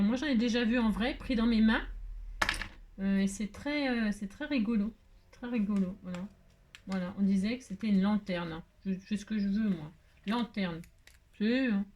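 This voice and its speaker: This French woman's voice sits at a medium pitch with a somewhat dark tone, and the recording sounds muffled, with faint clicks and background noise. She leads an informal craft tutorial in a chatty, hesitant way, leaning on fillers like "euh" and "hein" and often laughing at herself.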